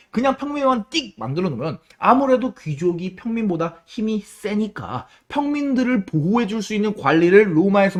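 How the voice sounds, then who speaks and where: A man teaching a history lecture to students, lively and casual, asking questions and answering them himself. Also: sits high. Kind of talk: classroom lecture.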